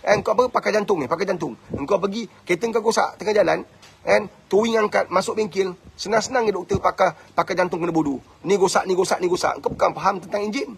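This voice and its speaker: Forceful Malaysian man lecturing parents. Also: high voice, fast, creaky, slightly rough. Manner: forceful, preachy, uses rhetorical questions. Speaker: religious school head and family counselor.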